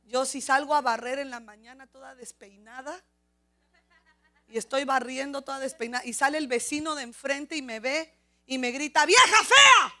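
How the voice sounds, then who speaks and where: High, bright-voiced Mexican woman preaching. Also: normal speed. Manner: animated, humorous storytelling, rising to near shouts. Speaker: pastor. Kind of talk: sermon.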